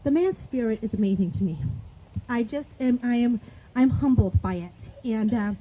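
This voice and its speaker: A woman's voice: a little high, animated, normal speed, mellow, rough recording. A woman giving a heartfelt eulogy for her husband at a memorial, talking in an earnest, raw way that turns pleading at times.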